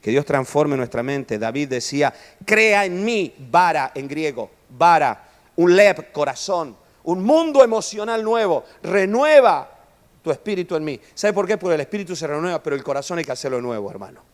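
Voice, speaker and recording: Animated preacher in a reverberant hall. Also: male voice, fairly high pitch, normal speed. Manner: animated preaching, constantly saying "hermano", jokes with the audience. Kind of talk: sermon. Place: church hall. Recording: long reverb of a church hall.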